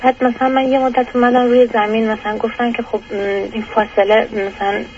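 A woman with a fairly high voice calls in to a radio advice show. She speaks hesitantly, filling her sentences with pauses and fillers. Her voice comes through a distant, muffled phone line with faint hiss. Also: level tone, darkish tone. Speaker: caller. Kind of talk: call-in conversation.

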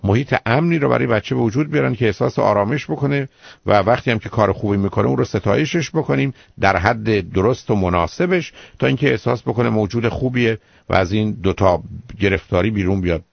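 A man, a psychologist on a radio call-in show, explaining things calmly to callers and calling them dear. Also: fairly low pitch, vocal fry, no room sound, highs cut off. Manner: calm, explanatory, calls listeners "dear".

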